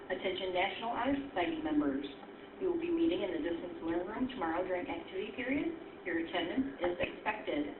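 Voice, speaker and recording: Woman on a school intercom, formal even announcing, tinny echoey loudspeaker with hiss; office announcer. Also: on the low side.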